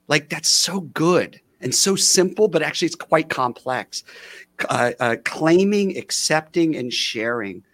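A man hosting a podcast, speaking earnestly and effusively with slow, emphatic stresses as he closes an interview. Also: medium pitch, a bit bright. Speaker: podcast host. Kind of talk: warm podcast interview wrap-up.

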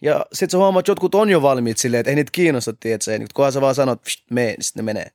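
A man's voice: mid-range voice, darkish tone, no echo, clean studio sound. A man co-hosting a casual podcast, a cornerman, rambling with lots of filler words and casual swearing.

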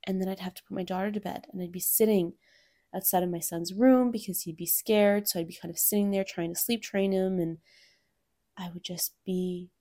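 A woman in her thirties talks candidly on her own podcast. She reflects openly and at a relaxed pace, and at times her voice sinks to a near-whisper before it lifts again. Her pitch sits in the middle for a woman. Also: brisk. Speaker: podcast host and coach for mothers. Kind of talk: personal solo podcast talk.

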